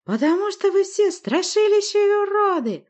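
A woman's voice: extremely high pitch, sing-song, moderate pace, a little mellow, voice pushed up. A woman voicing a mad young witch in an audiobook, with a piercing, squealing voice, shrieking orders and insults. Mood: shrieking, frenzied. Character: shrill mad young witch, screeching and cruel. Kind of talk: audiobook character voice.

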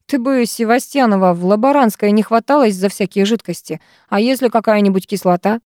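A woman's voice: medium pitch, brisk, dry recording, clean studio sound, lightly acted. A woman doing a teasing, mocking teenage boy. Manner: calm mocking drawl.

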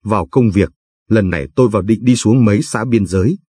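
A man's voice: lowish voice, fairly quick, a little mellow, slightly rough, no room sound, clean studio sound. A man voicing a stern young army officer who speaks curtly and brusquely. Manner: curt, brusque.

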